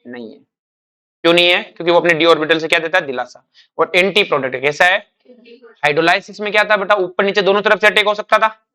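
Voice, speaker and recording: A man's voice: high-pitched, bright, forceful tone, clean tone. A man teaching a chemistry class, quizzing his students with repeated questions and calling them beta. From India. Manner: acts out a crying carbocation and a comforting mercury.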